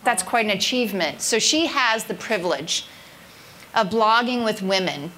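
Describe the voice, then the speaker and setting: An effusive woman moderates a panel on stage at a live event, talking in a chatty, upbeat way with plenty of "like" and "you know". Her voice sits at an ordinary pitch, with faint room noise behind her. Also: lively intonation, normal speed, sharp tone. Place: event stage before an audience.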